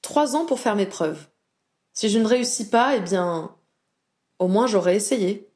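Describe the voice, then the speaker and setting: A woman's voice: medium pitch, expressive, measured pace, darkish tone, lightly acted. A woman voicing a proud, anxious young witch who talks in an earnest, pleading way.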